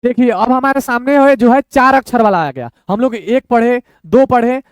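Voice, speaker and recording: A man teaching Hindi reading in an online lesson, patiently breaking words into syllables and repeating them slowly. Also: very high-pitched, clear, resonant tone, no echo, clean studio sound.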